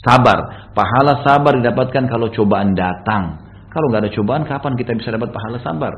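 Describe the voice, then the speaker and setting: A man delivering a storytelling sermon at a rapid clip. He keeps turning to his listeners with rhetorical tag questions. The recording is muffled and lo-fi. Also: medium pitch, lively intonation, a little hiss or hum. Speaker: preacher.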